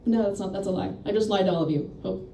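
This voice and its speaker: A woman's voice: mid-range voice, fast, dark tone. A young woman doing a rambling, self-deprecating stand-up set into a handheld mic at a campus coffeehouse. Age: young adult. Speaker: stand-up comedian. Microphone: handheld microphone. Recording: echoey room mic from far off, noisy.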